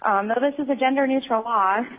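A woman giving earnest, measured public testimony by phone, with frequent ums, her voice on a crackly line that keeps fading in and out. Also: on the high side. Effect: crackly phone line that fades in and out. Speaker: member of the public testifying at a hearing. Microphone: phone call-in.

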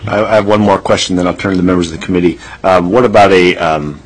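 A man's voice: low-pitched, fairly even intonation, fast, slight background noise, low-quality recording. A man chairing a legislative committee hearing, speaking plainly with frequent ums.

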